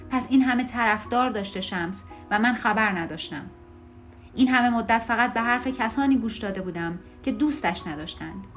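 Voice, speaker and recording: A woman narrating an audiobook in a calm, measured storytelling voice. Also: mid-range voice. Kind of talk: scripted narration.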